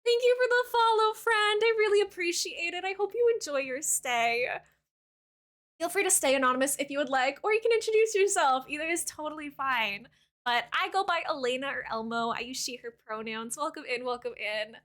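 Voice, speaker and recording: Talking a little fast, a woman in her thirties who streams on Twitch addresses her chat in a bright, ringing, very high-pitched voice. Her chatter is rambling and packed with "like," open and conversational, and she gives new followers a warm thank-you.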